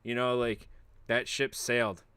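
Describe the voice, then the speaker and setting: Guy hosting a stream, rambly jokey rant, bright clear voice. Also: mid-range voice, a little slow. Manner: rambling, joking, animated rants. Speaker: livestream host. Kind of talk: casual livestream chat.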